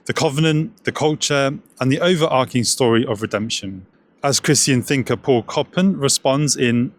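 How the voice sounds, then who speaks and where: Sarcastic man giving scripted commentary. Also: mid-range voice. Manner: sarcastic, jokey.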